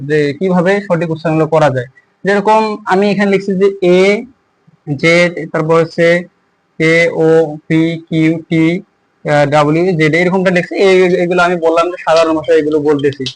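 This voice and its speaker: A young man teaching an English lesson, halting and repeating himself as he explains and writes. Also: on the high side, fairly even intonation, no echo, low-quality recording. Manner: halting, repeats words while writing on a board. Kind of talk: spoken language lesson.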